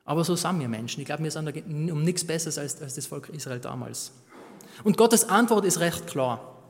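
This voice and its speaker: A man's voice: fairly high pitch, lively intonation, moderate pace, long reverb tail. A man preaching a sermon, reading scripture aloud and then explaining it earnestly, often restarting his words. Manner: frequent restarts and repeated words.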